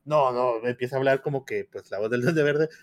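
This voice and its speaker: A man with a mid-pitched voice, chatting on a podcast in a relaxed, amused way. The sound is dry and close to the mic. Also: fairly quick, no echo. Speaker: podcast co-host. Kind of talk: casual chat.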